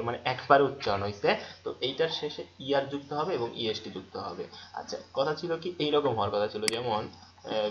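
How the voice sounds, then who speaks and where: A man with a Bangladeshi Bengali accent teaching an online English grammar lesson, explaining step by step, repeating words, spelling letters out and answering his own questions. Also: medium pitch. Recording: slightly dull, faint noise.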